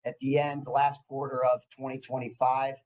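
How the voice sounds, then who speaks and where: A man with a medium-pitched voice gives an informal professional presentation. He comes across as psyched, like someone on a few coffees, eagerly pushing on through hesitations and restarted phrases. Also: little pitch movement, moderate pace, lo-fi sound. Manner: enthusiastic, psyched; caffeinated, eager talker who hesitates and restarts mid-phrase. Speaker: clinical department director presenting.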